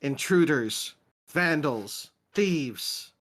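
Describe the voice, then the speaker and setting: A man's voice: fairly high pitch, animated, very slow, a bit bright, pitched above the performer's own voice, heavily acted. A man acting as game master, voicing a tinny, metallic robotic security voice that repeats its warning over and over. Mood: alarmed, repetitive. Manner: chanting the same words over and over. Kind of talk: voicing a machine in a tabletop game.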